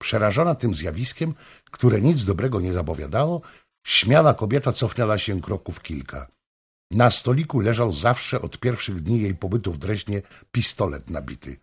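A man reading a historical novel aloud with slow, dramatic delivery. His lowish voice is gravelly and husky, and it swings widely in pitch. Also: very animated. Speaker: audiobook narrator. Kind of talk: scripted narration of a historical novel.

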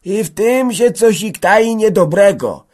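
A man voicing a frail old peasant who stammers slowly in a thin, high voice. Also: expressive, darkish tone. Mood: fretful.

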